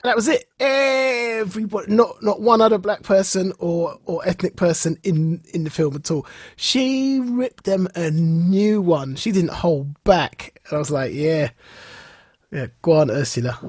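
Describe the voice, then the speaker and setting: Here a podcast co-host from England, British accent and high-pitched, tells stories in relaxed conversation and performs the reactions as he goes. He sounds animated yet measured, with a breathy edge, recorded studio-clean with no room sound.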